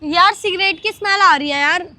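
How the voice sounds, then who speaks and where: A woman's voice: very high-pitched, moderate pace, pushed and bright. A young woman scolding and pleading with her partner in a casual vlog, her voice rising as she argues. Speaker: vlogger. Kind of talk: casual argument on a prank vlog.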